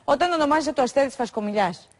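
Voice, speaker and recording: A woman's voice: sits high, animated, a little mellow. A woman hosting a talk show, interviewing a guest with ironic, teasing remarks.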